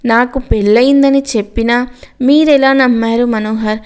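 Storybook: woman reading as grieving young woman, direct and reproachful, clear tone. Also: a little high, moderate pace, a little mellow, close to an everyday voice. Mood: sorrowful.

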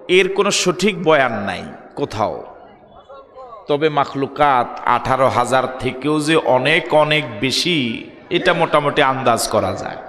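A man's voice: a little high, a bit bright, long reverb tail. A man with a Bangladeshi Bengali accent preaching a sermon, calling out questions to the crowd and joking between points. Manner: calls out questions to the crowd, jokes, chanted Arabic verses.

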